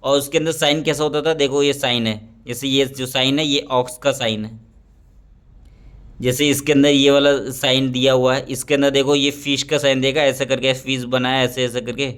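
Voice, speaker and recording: A man's voice: mid-range voice, little pitch movement, fairly bright tone. Man teaching a history lesson. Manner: explains step by step, asking and answering his own questions, often adding "ठीक है"; reads English textbook lines slowly, then explains them in Hindi. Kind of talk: exam prep history lecture.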